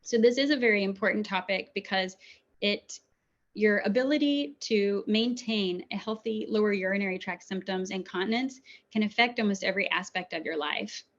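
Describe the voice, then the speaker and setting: A woman's voice: mid-range voice, moderate pace. A woman urologist from New Zealand giving a conversational webinar talk with frequent ums. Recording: dull lo-fi webinar audio.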